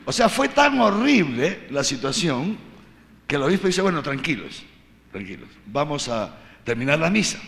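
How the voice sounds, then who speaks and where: A man, a bishop, telling a story to his listeners in an animated catechesis talk, acting out the shouting crowd. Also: high-pitched, creaky. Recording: reverberant hall, mic at a distance.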